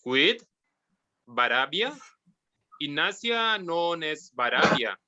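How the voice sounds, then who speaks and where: A man reading a practice dialogue aloud in a class, slowly and carefully. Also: fairly high pitch, big pitch swings, sharp tone, no echo. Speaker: student. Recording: dry, dull lo-fi mic.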